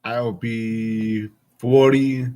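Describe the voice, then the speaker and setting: A man's voice: medium pitch, level tone, drawn-out words, warm tone. A man of forty chatting casually and frankly with his stream viewers, rambling from thought to thought. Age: 40s.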